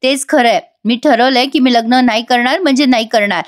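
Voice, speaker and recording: A woman's voice: on the high side, brisk, no echo, studio quality, natural voice. A woman reading out the lines of a tense, stubborn young woman who refuses to marry. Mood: firm.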